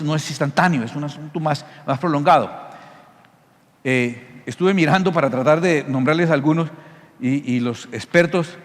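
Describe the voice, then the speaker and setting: A middle-aged male pastor preaching a sermon, teaching in an animated, jokey way and often checking that listeners follow. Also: on the high side. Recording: long hall reverb.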